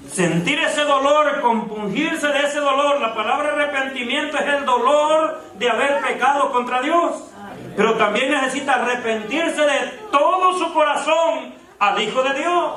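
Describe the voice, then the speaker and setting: A man preaching an evangelical sermon in a strikingly high, bright voice. He keeps calling his listeners brothers and throws out rhetorical questions. The echoey church sound comes from a mic set well back. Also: distant mic. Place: church sanctuary.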